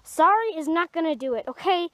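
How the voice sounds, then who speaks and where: A woman's voice: extremely high pitch, expressive, brisk, a bit bright, dry recording. A woman voicing a protective, widowed mother rabbit who scolds in an anxious, motherly way. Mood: scolding, tender.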